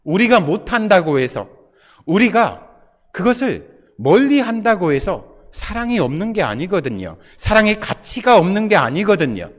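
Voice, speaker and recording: A man's voice: high voice, sing-song, moderate pace. Preaching man in a reverberant church. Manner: rhetorical questions to the congregation. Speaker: pastor. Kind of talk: sermon. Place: church sanctuary. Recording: long reverb of a church hall.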